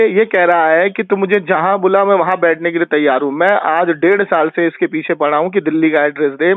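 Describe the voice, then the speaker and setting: A man's voice: a little high, dry recording. A man in a heated phone argument as a religious debater, combative and taunting, accusing his opponent again and again. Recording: tinny phone line.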